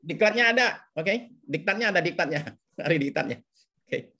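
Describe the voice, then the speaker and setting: Over a video call, a man teaches counseling in a webinar lecture, in a teacherly way, checking in with listeners often through repeated "oke" and "ya." His voice is on the high side, fairly quick, pushed, bright and husky, with lively intonation.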